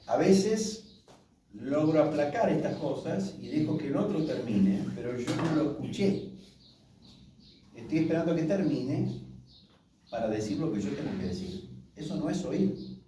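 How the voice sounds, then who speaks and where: A man's voice: fairly high pitch, expressive, measured pace, long pauses. Echoey Argentine preacher in his sixties. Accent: Argentine Spanish. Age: 60s. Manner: warm, conversational, asks the audience questions. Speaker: pastor leading a marriage workshop. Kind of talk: colloquial sermon to married couples. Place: church hall with an audience. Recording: very echoey hall, voice from far off, faint noise.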